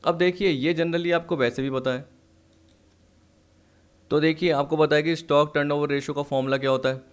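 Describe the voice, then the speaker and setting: A man's voice: a little high, steady tone, normal speed, clear, resonant tone. Man, accounts teacher, works through exam questions, quizzes himself aloud, sometimes short of breath. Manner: asks and answers his own questions, mixing English terms. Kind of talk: solving exam questions on a lesson video.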